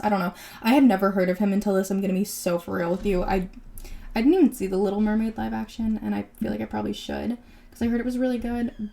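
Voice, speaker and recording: A woman's voice: medium pitch, creaky, warm tone. A woman in her twenties hosting a podcast, chatting casually and sarcastically about celebrity gossip, with lots of "like". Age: 20s. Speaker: podcast host.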